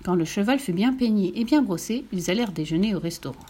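A woman reading a children's story aloud in a lively, playful way, speaking to her listeners. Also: mid-range voice, fast talker, husky.

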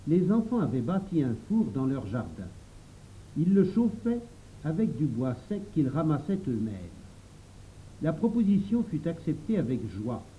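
A man reading a storybook aloud as narrator, in an expressive, lively manner. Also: a little high, measured pace, slight background noise. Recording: dull, lo-fi.

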